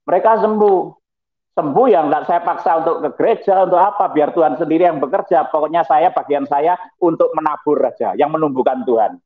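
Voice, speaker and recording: A middle-aged man, a pastor giving his testimony in a lively, preachy way with chuckling asides. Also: on the high side, a little fast. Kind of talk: testimony talk over slides. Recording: tinny phone-like audio.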